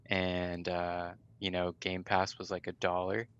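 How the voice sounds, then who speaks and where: A man's voice: low voice, completely flat delivery, a little slow, fairly bright tone, clean tone, dull audio. A man in his twenties from California, a podcast guest who talks in a chill, easygoing, laid-back way. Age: 20s. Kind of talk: casual podcast chat.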